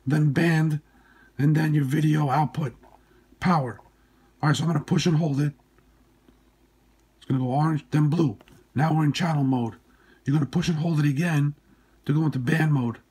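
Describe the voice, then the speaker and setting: A man with a very husky, rough voice that sits a little high talks through a hands-on tutorial. He sounds congested, as if his nose is blocked after surgery. His phrases are short, plain and informal, one step at a time. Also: warm tone. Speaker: tutorial presenter. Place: indoors at a workbench.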